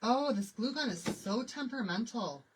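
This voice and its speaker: With a slightly high, animated voice at a normal speed, a woman from Michigan leads a live crafting session against background noise. She laughs a lot, keeps the chatter going, and takes questions from the chat as she works.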